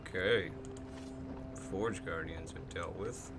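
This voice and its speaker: A man's voice: low voice, slow pace. A man hosting a let's play, reading narration aloud and commenting on the game. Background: game music.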